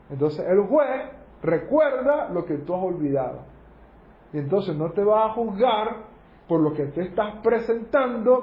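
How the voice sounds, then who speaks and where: Male religious teacher, sermon-style, rhetorical questions, reverberant lo-fi room recording. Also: high voice. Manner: asks rhetorical questions and checks understanding with "¿ok?". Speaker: teacher of a Torah study group. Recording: roomy, dull lo-fi sound.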